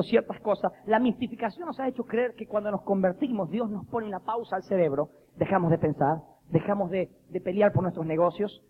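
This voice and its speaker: In a high voice, a man preaches with lively, humorous storytelling, acting out the voices of those he quotes. The audio is dull and lo-fi, with faint background noise.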